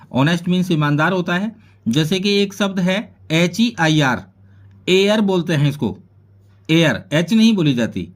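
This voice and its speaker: A male English teacher with a fairly high voice. He gives a patient classroom lesson, spelling words out letter by letter and then explaining their meanings.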